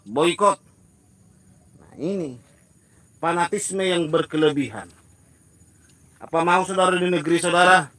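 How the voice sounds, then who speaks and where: High, bright-voiced man preaching emphatically. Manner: emphatic, repeatedly addressing listeners as brothers. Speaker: evangelist. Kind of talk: preaching commentary.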